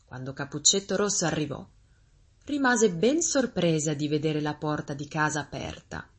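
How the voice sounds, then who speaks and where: A woman reading a fairy tale aloud as a storyteller, expressive and gently paced. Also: deep voice, normal speed, husky.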